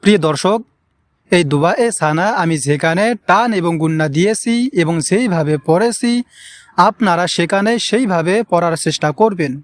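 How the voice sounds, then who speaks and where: With no room sound in the recording, a Quran recitation teacher with a high voice speaks at a moderate pace, leading a slow lesson on pronouncing an Arabic prayer. He repeats words patiently and lengthens the long vowels for his learners.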